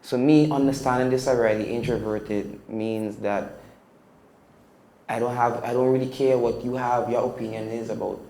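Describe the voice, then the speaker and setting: Caribbean man, podcast guest, gravelly, roomy room, faint ambience; reflective and emphatic. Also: medium pitch, steady tone, normal speed, warm tone. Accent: Caribbean English. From Caribbean (Statia). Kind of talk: casual storytelling interview.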